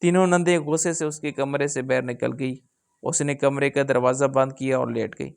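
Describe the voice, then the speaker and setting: A male storyteller narrating a family drama in a steady, even manner. His voice is gravelly yet smooth and resonant, sitting at a middle pitch.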